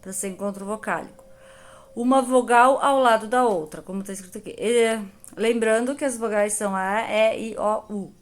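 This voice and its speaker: A primary school teacher with a Brazilian Portuguese accent records a grammar lesson for young pupils, patiently stretching out the example words. Her voice is a little high and her pace normal.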